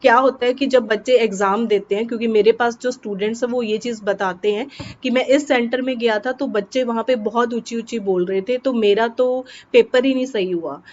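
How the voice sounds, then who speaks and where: A woman with a Punjabi accent teaching exam tips to students, switching between Hindi and English and slowing down to stress the English tips. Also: a little high. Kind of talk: lesson to students. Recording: dull, slightly noisy recording.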